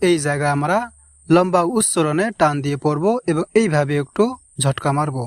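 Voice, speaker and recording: A man teaching the correct pronunciation of a short Arabic chapter, chanting each word slowly and explaining in calm asides. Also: a little high, no room sound. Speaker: Quran recitation teacher. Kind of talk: slow recitation lesson.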